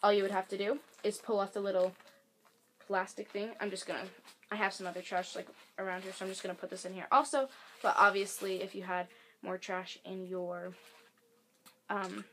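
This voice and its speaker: A woman's voice: medium pitch, fairly even intonation, moderate pace, a bit bright. Young woman vlogger, mid-range voice, loose filler-heavy demo talk, home camera audio with faint hiss. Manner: rambling, filler-heavy, self-correcting. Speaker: beauty and advice vlogger. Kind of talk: casual product demonstration. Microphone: camera mic. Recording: faint hiss from air conditioner.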